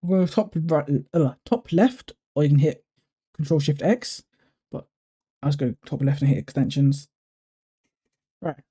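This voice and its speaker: A man's voice: on the high side, measured pace, long pauses, warm tone, breathy edge. A man casually talks through setting up his code editor, thinking aloud with fillers and self-corrections. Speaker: YouTuber walking through a code editor setup. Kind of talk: casual screen-recording tutorial.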